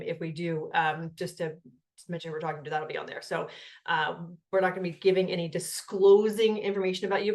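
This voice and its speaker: Excitable swearing woman coaching host. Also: on the low side. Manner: excitable, laughs at herself, swears freely. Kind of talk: casual live coaching call.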